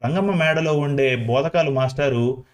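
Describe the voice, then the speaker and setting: A man's voice: a little high, normal speed, lightly acted. A man voicing a folksy villager who chats directly to the listener. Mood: chatty. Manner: folksy, chatty, talks straight to the listener. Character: chatty rustic villager addressing the listener.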